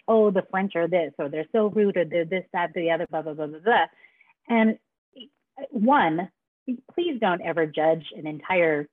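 A woman's voice: lowish voice, no room sound. A woman co-hosting a talk show, explaining a point earnestly and restarting her sentences often. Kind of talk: casual conversational talk. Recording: dry, husky, phone-like line.

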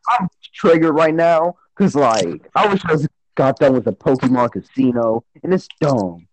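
A young man in casual call chat with friends, playful and mocking, firing off quick jabs. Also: mid-range voice, lively intonation, no room sound, rough recording. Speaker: podcast co-host.

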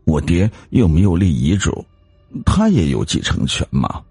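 A man's voice: low voice, sing-song, a little slow, warm tone, slightly rough, no echo, soft background music, heavily acted. A man voicing a timid, cowardly husband who stammers and whines in fear. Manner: stammering, whiny. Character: timid cowardly middle-aged man, fearful.

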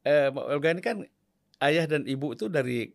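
A man hosting a casual interview, who speaks slowly and deliberately, with many hesitations. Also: on the high side, vocal fry, dry recording, clean studio sound. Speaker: host.

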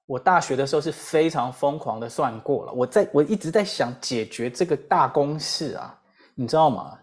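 A woman with a Taiwanese Mandarin accent giving a lively English lesson, full of rhetorical questions and repeated drills. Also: deep voice, normal speed. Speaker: English teacher. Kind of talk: lively lecture.

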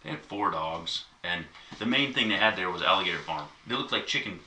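Deep-voiced man telling a rambling story. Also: expressive, brisk, sharp tone. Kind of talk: casual chat. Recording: echoey room, mic at a distance, faint noise.

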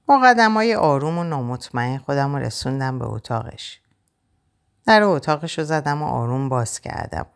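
A woman narrating a novel in the first person, in a quiet, reflective, measured way. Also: rumbling low. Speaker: audiobook narrator.

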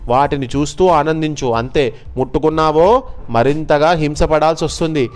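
A man voicing an ancient cursed man who gravely explains his endless torment. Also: fairly high pitch, moderate pace, soft background music, close to an everyday voice.

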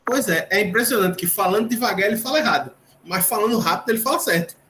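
A man's voice: high voice, lively intonation, fast talker. A man hosting a casual podcast, chatty and joking as he recaps a cooking show. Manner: chatty, recaps with jokes and asides. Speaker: podcast host. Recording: roomy echo, faint noise.

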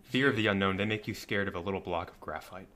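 A man's voice: low-pitched, fast, bright, forceful tone, slight background noise. A man co-hosting a podcast who reviews a movie in casual chat with dry, sarcastic quips. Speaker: podcast co-host.

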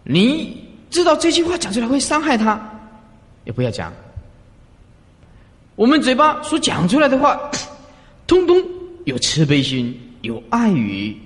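Animated man giving a Buddhist talk. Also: very high-pitched, measured pace, long pauses. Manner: earnest, exhorting, asks rhetorical questions. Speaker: Buddhist teacher. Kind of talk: dharma talk. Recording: long reverb of a large hall.

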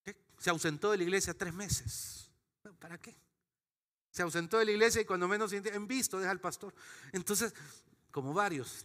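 A man, preaching a sermon to his congregation in a chatty, joking manner. His voice is bright and sits a little high for a man. It carries a long reverb from the church hall. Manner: conversational, jokey preaching with acted-out asides. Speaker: pastor. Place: church sanctuary.

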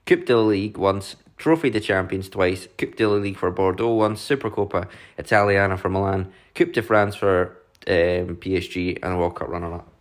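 A man's voice: low voice, brisk, hardly any pauses. Jokey man co-hosting a podcast. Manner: jokey, reads out quiz text then banters. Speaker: podcast co-host. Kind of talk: casual chat.

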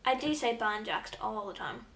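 Woman, teasing vlog host, bright gravelly tone, echoey room, slightly off-mic. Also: medium pitch, sing-song, moderate pace, recorded from a distance. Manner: playful, teasing, laughs often. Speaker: vlogger quizzing her partner. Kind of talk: casual teasing chat.

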